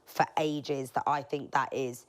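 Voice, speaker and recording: A woman, hosting a podcast and chatting in an expressive, jokey, dramatic way. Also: very deep voice, unhurried. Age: 20s. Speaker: podcast host. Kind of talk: casual chat.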